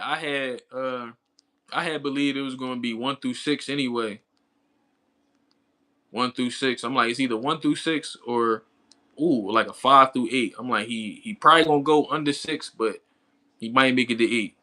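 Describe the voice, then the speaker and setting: In a medium-pitched, sharp voice at a moderate pace, a thirtysomething boxing commentator talks with his livestream's chat viewers. He's laid-back and slangy, laughing frequently as he goes.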